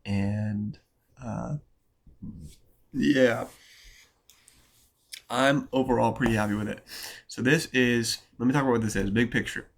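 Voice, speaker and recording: A man's voice: medium pitch, unhurried, vocal fry, long pauses. A young man talking in a loose, rambling vlog style, full of fillers and slang, his voice nasal from a cold. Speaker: photographer vlogger.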